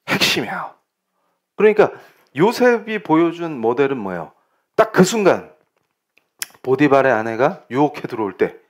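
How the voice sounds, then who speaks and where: A middle-aged man from Seoul preaching a sermon as pastor, asking rhetorical questions and swinging between loud bursts and quiet asides. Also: fairly high pitch. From Seoul, South Korea.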